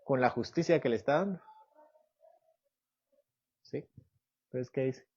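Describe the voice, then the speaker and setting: A man's voice: medium pitch, unhurried, a little mellow, slightly rough, muffled recording. A man teaching a doctrine class at church, asking his listeners questions and acting out everyday examples. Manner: asks the class questions, acts out examples in quoted voices. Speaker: Bible teacher.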